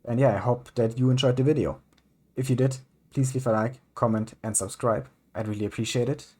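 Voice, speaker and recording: A man's voice: medium pitch, steady tone, brisk, warm tone, slightly rough. A young man giving casual, rambling commentary over gameplay, full of ums and the odd swear word. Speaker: gaming YouTuber.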